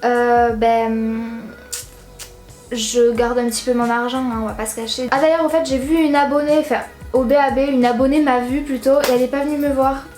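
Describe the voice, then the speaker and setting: A woman's voice: a little high, level tone, normal speed, darkish tone, roomy sound, soft background music. A teenage girl from southern France chatting casually in a haul vlog, rambling and slangy with lots of fillers. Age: teens. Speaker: YouTuber.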